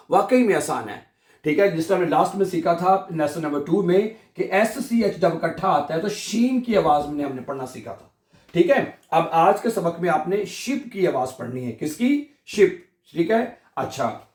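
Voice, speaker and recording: A man with a slightly raised voice teaches a casual online language lesson. He is chatty and repetitive, often pausing to check that listeners follow. The sound is roomy and echoey. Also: fairly high pitch, darkish tone. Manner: chatty, repeats "theek hai" often, checks understanding.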